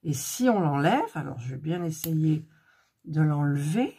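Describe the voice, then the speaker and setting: A woman's voice: low-pitched, lively intonation, unhurried, vocal fry, dark tone, husky. A middle-aged woman doing a casual hands-on craft demo, grumbling and talking to herself as she works, filmed up close on a phone. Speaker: craft video host.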